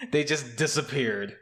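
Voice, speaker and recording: A man's voice: mid-range voice, background noise. A young man co-hosting a casual podcast. He rambles with many fillers and restarts, and his voice echoes like a cave because his room is still empty. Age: young adult. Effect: cave-like echo from an empty, bare room. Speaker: podcast co-host. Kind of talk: casual chat. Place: empty new home office, indoors.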